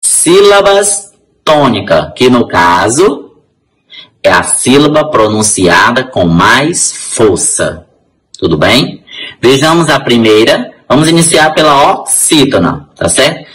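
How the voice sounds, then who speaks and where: A male teacher, explaining syllables to his class and spelling out example words slowly. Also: mid-range voice, sing-song, fairly bright tone, poor audio. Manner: addresses class directly. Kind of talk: grammar lesson.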